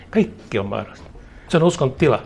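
A man's voice: medium pitch, animated, vocal fry, a little mellow, a little hiss or hum. Emphatic preacher man. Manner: emphatic, rhythmic repetition, occasional chuckles. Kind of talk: charismatic sermon.

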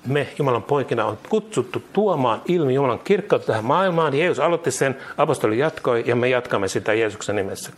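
A man's voice: medium pitch, animated, few pauses. A man preaching a sermon, emphatic and fervent, leading his listeners through declarations they repeat line by line. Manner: emphatic, builds to rising fervor.

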